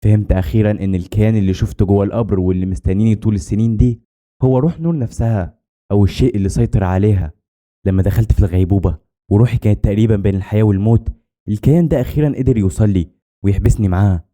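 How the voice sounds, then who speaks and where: Egyptian male horror narrator, very fast delivery, dark low timbre, dramatic scripted read. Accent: Egyptian Arabic. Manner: dramatic storytelling.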